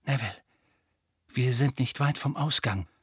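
A man reading an audiobook, voicing a frightened but resolute teenage boy who speaks in a hushed, urgent way. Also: mid-range voice, normal speed, breathy edge, no echo, studio quality.

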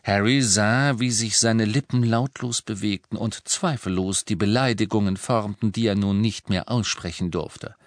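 A man narrating a storybook as an audiobook, measured and expressive. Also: lowish voice, no echo. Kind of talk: scripted narration.

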